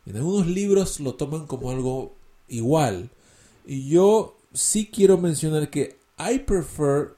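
A man's voice: on the high side, warm tone. A man giving an English lesson in Spanish, explaining patiently and repeating key words and examples. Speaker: English teacher.

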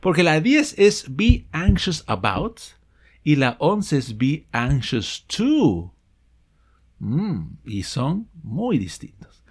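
A man teaches an audio lesson with a lively voice whose pitch swings up and down. He explains each phrase patiently, reads the example sentences slowly, and stops often to check in with his listeners and fix his own slips. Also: slightly rough. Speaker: English teacher.

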